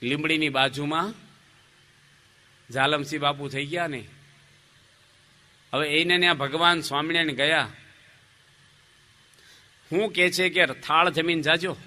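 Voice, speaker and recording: A man, a monk giving a humorous devotional sermon, telling stories in an animated way, asking the audience questions and acting out the dialogue. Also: fairly high pitch, measured pace, long pauses.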